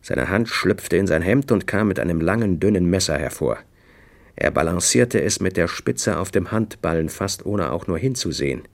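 Man, audiobook narrator, very low pitch, gravelly, dry storytelling. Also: expressive, moderate pace. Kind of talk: scripted narration.

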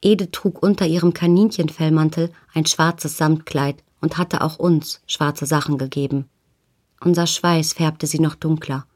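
A woman calmly narrating a novel in the first person as an audiobook reader. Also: sits low, a little slow.

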